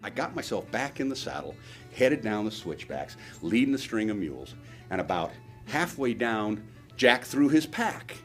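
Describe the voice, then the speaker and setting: A man with a lowish voice and very animated intonation spins a wry, vivid tale. Soft guitar music plays faintly behind him. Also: moderate pace. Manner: vivid, wry, acts out dialogue. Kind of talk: practised humorous anecdote.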